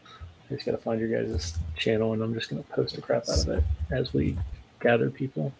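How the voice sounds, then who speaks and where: A man's voice: mid-range voice, steady tone, a little fast, vocal fry, darkish tone, slight background noise, rough recording. A man chatting casually as a guest on a gaming talk stream, heard over a video call. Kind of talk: casual chat.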